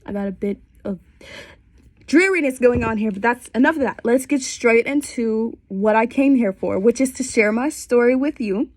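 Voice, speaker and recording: Her pitch is fairly high and her tone darkish, and she speaks at a moderate pace with no echo. This twenty-something student is congested from a cold as she shares a personal story for class from a small bedroom. She keeps it conversational and frank, with the odd wry remark.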